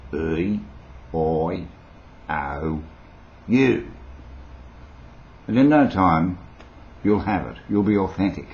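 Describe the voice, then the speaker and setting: A man's voice: deep voice, slight background noise. A man in his sixties with a mild Australian accent, a former radio broadcaster, chatting eccentrically and playfully in a casual vlog. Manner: playful, eccentric, rambling with frequent chuckles. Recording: dull lo-fi home recording.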